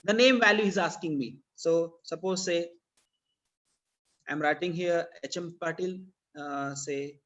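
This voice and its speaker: A slightly slow man whose voice sits on the high side and has a fairly bright tone teaches programming in a live online class. With an Indian accent, he explains didactically and repeats phrases for emphasis; the recording is dull, lo-fi online meeting audio.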